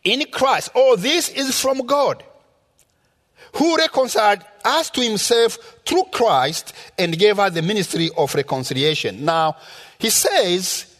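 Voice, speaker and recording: In a reverberant hall, a man with a Rwandan accent from the rural countryside preaches as a guest, mixing sermon and personal testimony. His voice is high and a bit bright, with lively intonation and a slightly slow pace, and his teaching style is emphatic and repetitive.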